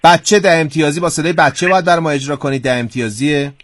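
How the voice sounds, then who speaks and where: A man's voice: a little high, steady tone, dry recording. A man hosting a quiz show, coaxing and teasing the contestant in playful game show banter.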